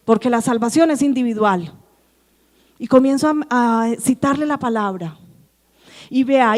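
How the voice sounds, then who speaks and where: A woman with a Colombian Antioquia accent preaching a lively sermon to her congregation, asking them questions and acting out the dialogue she quotes. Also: high-pitched. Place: church. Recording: church hall reverb.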